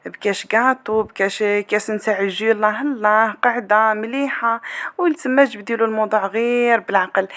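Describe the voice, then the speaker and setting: Fast-talking Algerian woman giving advice. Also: fairly high pitch, fairly bright tone. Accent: Algerian Arabic. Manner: affectionate, addresses listeners as darling. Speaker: relationship advice vlogger. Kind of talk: casual advice talk to women viewers.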